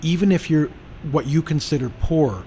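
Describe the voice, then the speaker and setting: A man's voice: fairly high pitch, moderate pace, dark tone, a little hiss or hum. A middle-aged man from Canada hosting a podcast, talking in an emphatic, lecturing way. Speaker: podcast host. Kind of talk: casual conversation.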